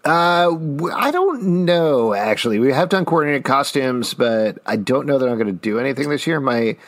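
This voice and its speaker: A man's voice: mid-range voice, very animated, normal speed. A middle-aged man hosting a show, reading out audience questions and chatting casually. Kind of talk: casual chat.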